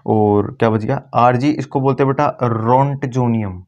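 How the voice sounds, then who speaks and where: A man teaching chemistry at a board, often slowing down to repeat key words and calling his students "beta". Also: mid-range voice, a little mellow, muffled recording. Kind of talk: classroom lecture at a board.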